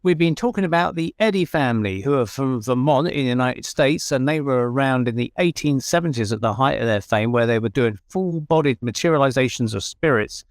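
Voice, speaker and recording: A man hosts a conversational radio interview. His voice sits at a medium pitch and is recorded dry, without room sound. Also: lively intonation, a little fast, few pauses, dry recording. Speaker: radio show host.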